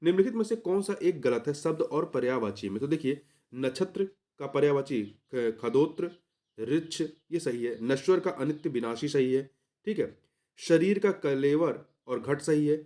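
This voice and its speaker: A man with a voice a little higher than most works through exam questions one by one. He repeats each key word and corrects himself mid-sentence, like a tutor reviewing answers. His delivery is methodical and explanatory. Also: expressive, normal speed, mellow.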